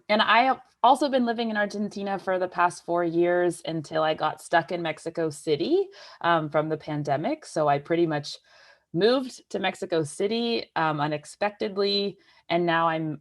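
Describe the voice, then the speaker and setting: A woman with a very low voice, from Pittsburgh, joins a webinar by video call. She talks in a reflective, conversational way with frequent fillers. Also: moderate pace. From Pittsburgh, USA. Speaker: guest speaker. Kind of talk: casual video call chat.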